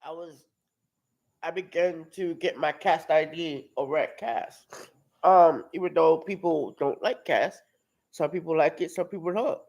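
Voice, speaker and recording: A young man in his twenties speaks in a high voice, slowly and haltingly, often repeating and restarting his words. He delivers a personal testimony at a live-streamed outreach. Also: creaky, a little mellow, rough recording. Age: 20s.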